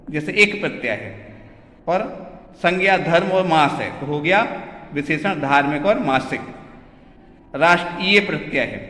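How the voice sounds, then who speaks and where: Hindi teacher in an echoey room. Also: male voice, fairly high pitch, sharp tone. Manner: asks the class questions and answers them himself; repeats and spells out example words one by one. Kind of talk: recorded grammar lesson. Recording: echoey room with long reverb.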